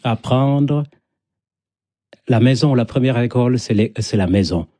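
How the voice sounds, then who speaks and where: Interviewed as a storyteller, a middle-aged man from Senegal reflects in poetic, repetitive phrases, his accent Senegalese and his native tongue Wolof. His mid-range voice is mellow and unhurried, captured in a dry, clean studio recording.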